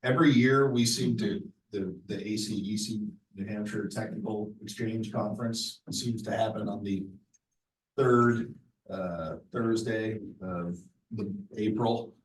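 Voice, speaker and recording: A man's voice: lowish voice, fairly even intonation, a little slow, breathy edge. A man on planning staff presenting at a meeting room table, with dry humor and hesitant restarts.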